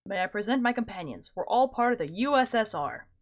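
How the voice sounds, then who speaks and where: A woman voicing a calm, secretive man who leads a hidden band of office rebels in a game, speaking in a measured, conspiratorial way. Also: on the high side, lightly acted. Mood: hushed formal.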